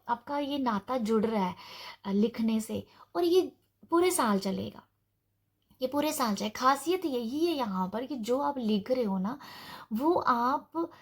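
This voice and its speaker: Lady doing a chatty tarot reading, kinda high voice, soft and reassuring, lots of umms. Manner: gentle, reassuring, thinking aloud with many fillers. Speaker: tarot reader. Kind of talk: casual pick-a-card tarot reading.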